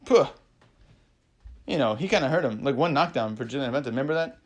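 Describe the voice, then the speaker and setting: A man casually recapping fight results, excitable and rambling, swearing freely and peppering his talk with "man" and "you know". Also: mid-range voice, fairly quick. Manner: acts out fighters' thoughts in quoted asides. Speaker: MMA vlogger recapping fights.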